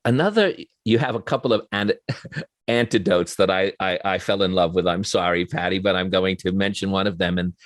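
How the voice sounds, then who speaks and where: A man's voice: low voice, brisk, no room sound. A man with a New York accent hosting an interview, asking earnest, admiring questions. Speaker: interview host.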